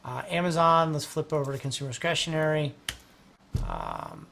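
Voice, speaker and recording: A man hosting a livestream as a market analyst rambles casually through stock charts while losing his voice, restarting often and clearing his throat. His slightly high, fairly bright voice swings hugely in pitch at normal speed, with a little hiss or hum in the audio.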